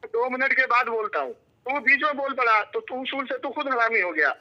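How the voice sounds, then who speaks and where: A man's voice: very high voice, normal speed, pushed and bright. A man in a heated religious debate, taunting and insulting his opponent and throwing down challenges. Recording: tinny lo-fi phone line.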